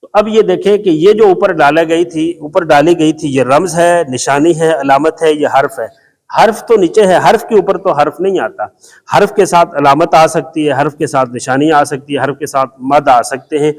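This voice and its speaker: A man teaching a Quran reading lesson, explaining patiently with emphatic repetition. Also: a little high. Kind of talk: classroom lesson explaining Arabic letters. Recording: long hall reverb.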